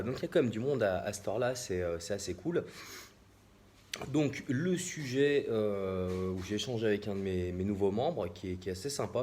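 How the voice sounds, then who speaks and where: Man, French accent, low-pitched, halting with fillers, casual live stream, faint background hum. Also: darkish tone. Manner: hesitant, many fillers and restarts. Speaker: real estate investor hosting a live stream.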